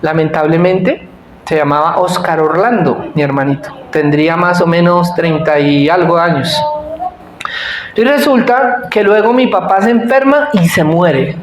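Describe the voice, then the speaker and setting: A man's voice: high voice, unhurried. A man preaching a conversational sermon, telling personal stories and often checking in with his congregation. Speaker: pastor. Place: church hall. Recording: echoey church hall, faint room noise.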